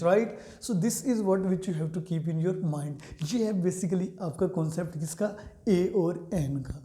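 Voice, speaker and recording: A man teaches an English grammar lesson in a warm, mellow voice, walking through each rule step by step and putting questions to his students. He slows down sharply for example sentences. The room has a roomy echo. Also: high-pitched.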